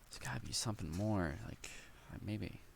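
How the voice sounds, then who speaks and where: Low gravelly young man reading aloud. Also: slight background noise. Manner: reads haltingly with slips, breaks off to react excitedly. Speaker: light novel reader and reactor. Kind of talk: casual read-aloud with commentary.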